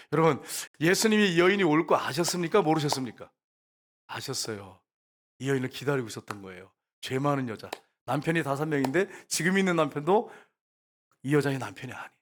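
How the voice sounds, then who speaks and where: A man preaching a sermon as pastor, putting rhetorical questions to the congregation. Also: mid-range voice.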